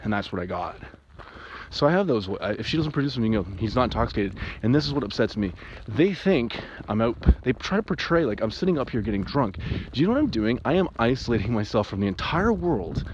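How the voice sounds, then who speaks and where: A separated father giving an emotional personal monologue, agitated and rambling, with restarts and sudden jumps in pitch. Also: big pitch swings, fast. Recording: muffled, with faint background hiss.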